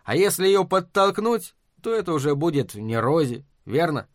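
Casting: male audiobook narrator, fairly high voice, bone-dry close recording. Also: very animated, normal speed, dry recording. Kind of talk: scripted narration.

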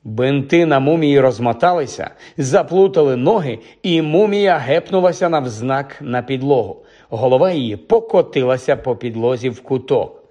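A man reading a fantasy story aloud as an audiobook narrator, steady and vivid. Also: mid-range voice, normal speed, hardly any pauses, dull audio.

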